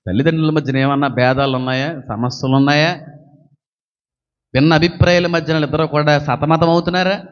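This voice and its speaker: Guy preaching, high voice, acts out family fights, long echo, kinda muffled. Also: fairly even intonation, a little fast. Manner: dramatic preaching, acting out family quarrels in raised voices. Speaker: pastor. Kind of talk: sermon. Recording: dull sound with long hall reverb.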